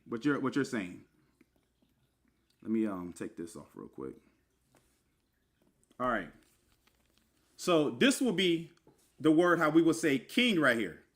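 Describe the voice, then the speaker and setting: A religious teacher with a slightly high, bright, forceful voice explains scripture words casually, spelling them out letter by letter. The setting is an informal online lesson with screen share. He calls the listener brother and fills his talk with fillers and asides.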